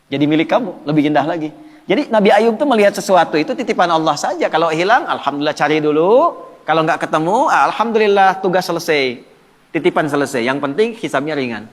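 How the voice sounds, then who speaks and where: Lively preacher in a reverberant hall. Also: male voice, a little high. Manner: lively, asks the audience questions and answers them. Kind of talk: religious lecture.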